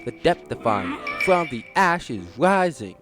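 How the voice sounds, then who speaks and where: A man's voice: on the high side, big pitch swings, slow pace, music in the background, voice pushed up. A man voicing a vengeful, bombastic male villain who leads a clan, delivered in a theatrical, declaiming way.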